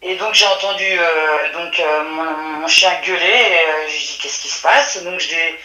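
A woman recounts what she witnessed in a halting way, stopping and restarting often. Her voice is bright and a little tense. The sound is roomy and echoey. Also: sits low, fairly even intonation. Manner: halting, many restarts and fillers. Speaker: witness telling her story. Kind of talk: hesitant testimony by phone or call.

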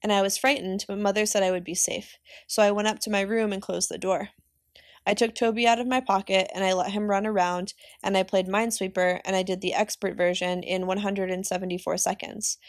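A teacher reads a novel aloud to her students like an audiobook, steady and unhurried in a mid-range voice. The sound is dry and close, with no room around it.

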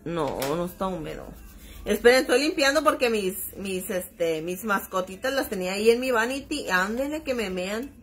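A woman's voice: mid-range voice, expressive, measured pace, faint music behind. A middle-aged woman from northern Mexico with a Mexican accent, chatting casually on a makeup live stream, exclamatory and chatty. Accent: Mexican (Baja California). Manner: chatty, exclamatory, keeps calling viewers "chiquillas". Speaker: makeup vlogger. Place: home room by her vanity.

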